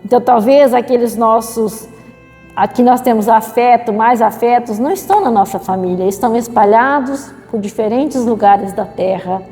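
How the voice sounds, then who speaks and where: A middle-aged woman with a Brazilian accent giving a spiritual lecture, slow and measured, repeating phrases and adding tag questions. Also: on the high side, mellow, big-room sound, faint music behind. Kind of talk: spiritual talk. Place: spiritist center hall.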